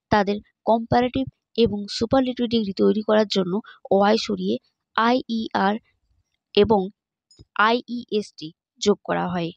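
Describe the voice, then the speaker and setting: A woman teaching English grammar, slowly reciting rules and word lists. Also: medium pitch, vocal fry, a little mellow, dry recording, low-quality recording. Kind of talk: slow recited grammar lesson, English and Bengali.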